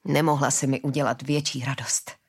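A woman reading the lines of a gentle, forgiving father in a storybook, slowly and earnestly, with a low husky voice. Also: little pitch movement, exaggerated voice.

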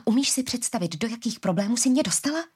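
A woman's voice: mid-range voice, animated, natural voice. Woman doing a tense, wary young heroine. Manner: clipped, through gritted teeth.

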